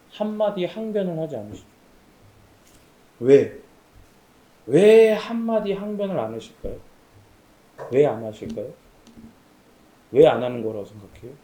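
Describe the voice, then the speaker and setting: A man's voice: a little high, roomy sound. A man preaching a sermon at a camp, questioning his listeners and calling on them by name. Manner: animated preaching, asks the audience questions and calls on listeners. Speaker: pastor. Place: camp meeting room.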